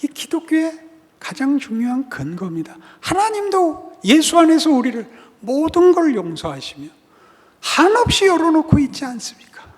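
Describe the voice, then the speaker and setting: Pastor guy preaching, high lively voice, goes loud then whispery, big echoey church. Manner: dramatic swings from loud exhortation to whispered asides. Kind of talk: sermon. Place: church sanctuary.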